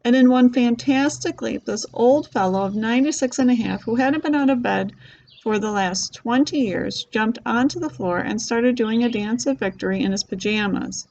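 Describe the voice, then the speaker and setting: A woman's voice: fairly high pitch, normal speed, darkish tone, dull audio. A woman reading a children's book aloud, voicing the characters lightly. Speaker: reader. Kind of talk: storybook read-aloud.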